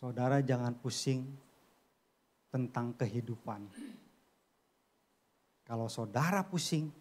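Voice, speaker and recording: Lively Indonesian-preaching man, swinging highs and lows. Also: takes it slowly. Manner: casual street slang storytelling, big swings between low murmurs and high exclamations. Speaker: pastor. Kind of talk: sermon. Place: church.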